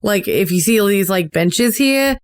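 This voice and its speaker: A woman's voice: mid-range voice, animated, normal speed, no echo. A woman playing a tabletop game, thinking aloud in a hedging, casual way. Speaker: player.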